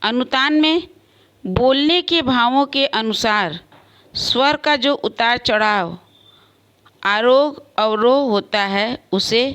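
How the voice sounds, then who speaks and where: Slow, patient woman teacher. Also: fairly high pitch, a bit bright, clear, resonant tone. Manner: slow, explains with spoken examples and varied emphasis. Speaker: school teacher. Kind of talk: online class lesson.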